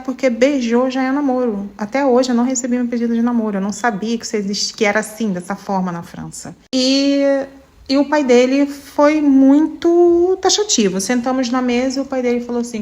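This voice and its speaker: A young adult woman from Brazil, telling her own love story to her viewers in a casual, emotional way and often calling out to them directly. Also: fairly high pitch. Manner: animated, emotional, addresses viewers as "gente".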